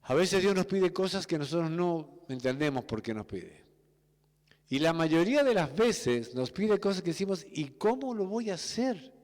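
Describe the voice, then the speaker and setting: A man's voice: fairly high pitch, animated, normal speed, a little mellow. A man preaching a sermon with a Rioplatense Spanish accent, emphatic and full of rhetorical questions. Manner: emphatic, rhetorical questions, acts out quoted voices. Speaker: pastor. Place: church sanctuary. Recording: echoey church hall.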